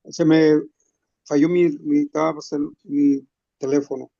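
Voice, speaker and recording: A man asks his teacher halting, hesitant questions during an online class. His voice is dark and a little high, and it comes through dry and dull over the call. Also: flat delivery, creaky, no echo. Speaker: student.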